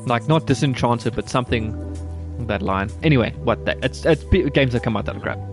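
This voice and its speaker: A man's voice: mid-range voice, animated, a little fast, over music. A man streaming a driving game, chatting casually with his viewers in a loose, rambling way, now and then swearing. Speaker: gaming streamer. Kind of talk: casual live-stream chat while playing. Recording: loud game car-engine noise under the voice. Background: rally car engine and game sounds.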